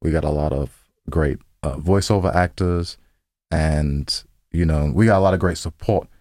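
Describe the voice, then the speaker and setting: A man with a bass voice co-hosts a podcast, trading casual banter at a moderate pace and rambling informally, often repeating his phrases. His tone is a little mellow, and the studio-quality recording has no echo.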